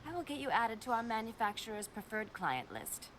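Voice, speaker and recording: An actress playing a scheming female alien diplomat who speaks smoothly and condescendingly. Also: fairly high pitch, big pitch swings, brisk, fairly bright tone, slight background noise. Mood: calculating.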